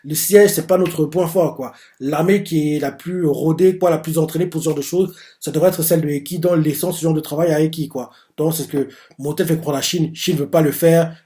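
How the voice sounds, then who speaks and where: Man, manga reviewer, casual recap, rambling delivery, filler-heavy, mellow tone, slightly high.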